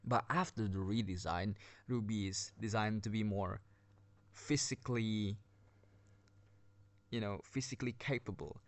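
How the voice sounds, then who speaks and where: Speaking unhurriedly with long pauses, a man with a fairly low voice gives casual, rambling commentary on game skins, full of restarts and breathlessness. The recording, made on a built-in device mic with no headset under a blanket, has no room sound.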